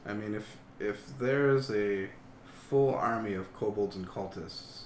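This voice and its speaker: A man with a slightly low voice reasons hesitantly as a player in a casual tabletop game. The room echoes, with faint noise behind him. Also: slow.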